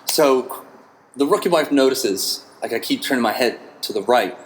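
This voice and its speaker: A man hosting a podcast, a bartender telling stories in a casual, animated way and swearing freely. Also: mid-range voice, moderate pace, rough recording. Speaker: podcast host. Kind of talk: casual chat.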